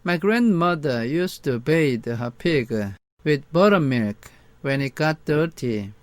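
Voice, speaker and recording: Male Korean English tutor, unhurried read-aloud, slightly high, lively voice, dry booth sound. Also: no echo. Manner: very slow deliberate English reading, quicker Korean translation. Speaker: English reading teacher. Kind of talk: reading a novel aloud line by line, then translating.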